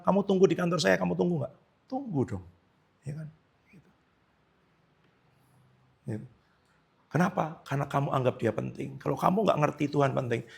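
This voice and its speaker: A man's voice: fairly high pitch, creaky, fairly bright tone. A middle-aged man preaching a sermon as pastor, conversational, acting out quoted dialogue and using tag questions.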